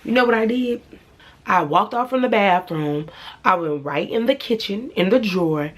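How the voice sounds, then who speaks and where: Profane, animated young woman telling a story. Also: medium pitch, normal speed. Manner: blunt, profane, animated storytelling addressing viewers. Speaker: vlogger. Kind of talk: storytime vlog.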